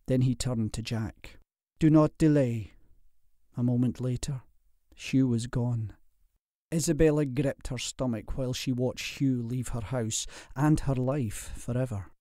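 A man narrates a historical romance with measured, steady delivery and a mellow, warm timbre. The recording is close and dry. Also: medium pitch, dry recording. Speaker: audiobook narrator. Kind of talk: scripted narration.

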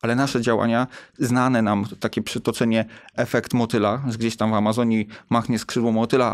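A man's voice: mid-range voice, no room sound. A man, a guest scientist, speaking earnestly and addressing listeners directly in a conversational interview.

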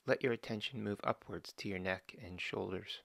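A male meditation guide leads a body scan with slow, calm instructions. His voice is low and gravelly, captured on a dry, close mic.

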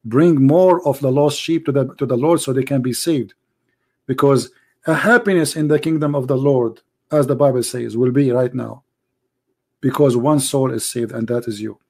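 A man's voice: mid-range voice, moderate pace, darkish tone. A man hosting a live call-in religious debate, preaching with passion in broken grammar while losing his voice. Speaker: call-in show host.

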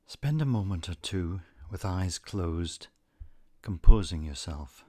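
At a very slow pace, a low-voiced man guides a meditation, giving gentle instructions in a calm, deliberate, scripted manner. The recording sounds close and dry.

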